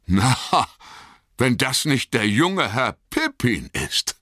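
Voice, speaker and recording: A man's voice: medium pitch, wildly swooping pitch, slow pace, no echo, clean studio sound, voice pushed up, full character voice. A man doing a blustering hobbit farmer. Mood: hearty. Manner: loud, blustering, folksy. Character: stout red-faced male hobbit farmer, gruff but hearty. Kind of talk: audiobook character voice.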